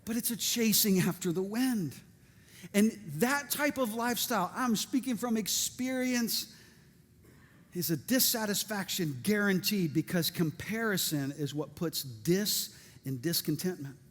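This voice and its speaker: A middle-aged male pastor preaching a sermon, energetic and lively, with joking asides and calls to the congregation. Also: sits high, a little slow. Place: church sanctuary. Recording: reverberant church hall.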